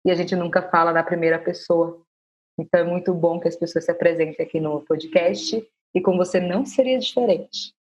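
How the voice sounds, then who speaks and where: A woman's voice: lowish voice, fairly even intonation, brisk, darkish tone, muffled recording, slight background noise. A woman in her twenties from Salvador, Brazil, hosting a podcast interview with enthusiasm and thinking aloud as she asks questions. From Salvador, Bahia, Brazil. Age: 20s. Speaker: podcast host.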